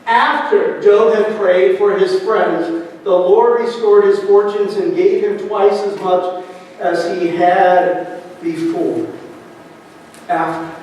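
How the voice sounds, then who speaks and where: High-voiced pastor preaching in an echoey hall. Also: male voice, steady tone, takes it slowly, darkish tone. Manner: conversational preaching with frequent rhetorical questions to the congregation. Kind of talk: sermon. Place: church sanctuary. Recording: echoey hall, distant mic, faint noise.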